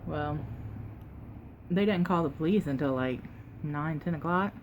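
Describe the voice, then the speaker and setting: A woman tells a casual, unhurried story while eating, pausing to chew and sometimes talking with her mouth full, with emphatic retelling. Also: low-pitched, dull audio, a little hiss or hum. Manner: unhurried, conversational, emphatic retelling with quoted exchanges. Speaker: mukbang vlogger.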